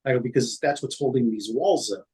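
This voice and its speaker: Husky and darkish, this mid-range male voice is muffled by poor audio. The speaker, a former city code manager, is interviewed about bygone workplace events and keeps restarting, filling pauses, and quoting others' dialogue.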